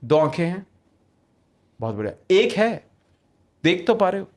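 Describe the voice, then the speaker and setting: A man with a high, sing-song voice and a somewhat dark tone speaks a little slowly. He's a manifestation author appearing as a podcast guest, chatting casually, repeating phrases for emphasis and often slipping into English.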